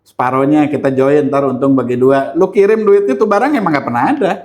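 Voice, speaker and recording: In a casual chat, a man with a Jakarta Indonesian accent tells stories in slangy, everyday language, acting out dialogue and tossing in rhetorical questions. His medium-pitched voice is fairly quick, a little mellow, and lively in intonation.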